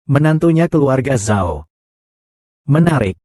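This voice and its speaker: A man's voice: mid-range voice, sing-song, a little slow, warm tone, no echo, studio quality. A man voicing the characters of a dubbed short drama, with a scornful, confrontational delivery.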